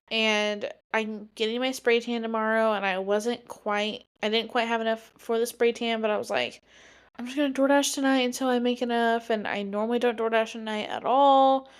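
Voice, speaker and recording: A woman's voice: a little high, steady tone, moderate pace, clear, resonant tone. A woman in her twenties hosting her own podcast, talking casually and rambling with many fillers. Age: 20s. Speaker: podcast host; teacher. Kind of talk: casual solo podcast monologue.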